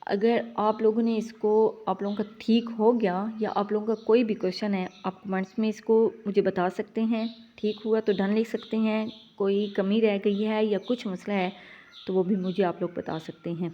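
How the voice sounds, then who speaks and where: A woman teaching Quran recitation, explaining each sound patiently and drawing out the model sounds slowly. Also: medium pitch, little pitch movement. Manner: drawn-out model sounds between plain explanations. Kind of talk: slow, patient recitation lesson. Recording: slightly dull lo-fi audio.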